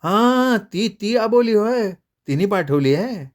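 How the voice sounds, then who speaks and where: A man's voice: sits high, lively intonation, slow pace, voice pushed up. Man doing playful young woman, storybook reading, teasing, raised voice. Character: cheerful teasing young woman, college student.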